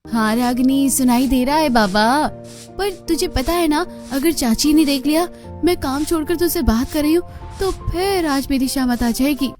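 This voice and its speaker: Lady doing a sweet hardworking cartoon girl, high voice, earnest, faint music behind. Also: moderate pace, lightly acted. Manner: earnest, gentle, pleading. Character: hardworking, kind, poor young woman. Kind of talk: cartoon voice acting.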